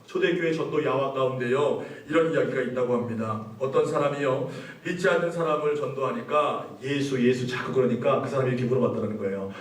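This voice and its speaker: Preaching in a mid-range voice, fairly fast and with hardly any pauses, a pastor questions the congregation and builds to emphatic points. The mic sits far off in an echoing church sanctuary.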